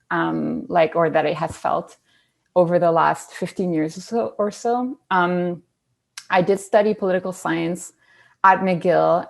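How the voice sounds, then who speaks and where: A woman answering interview questions as an academic guest, in a measured, reflective way. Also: fairly low pitch, gravelly. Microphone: online call.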